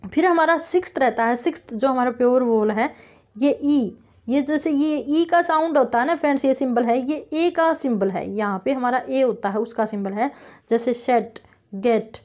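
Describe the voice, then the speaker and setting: A woman teaching an online phonetics lesson, explaining step by step and slowly drawing out example words. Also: high voice, a little mellow. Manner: explains step by step, often says "thik hai friends".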